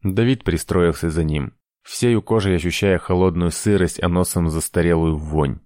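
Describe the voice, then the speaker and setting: Deep-voiced male audiobook narrator. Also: normal speed, a little mellow, dry recording, clean studio sound. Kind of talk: scripted narration.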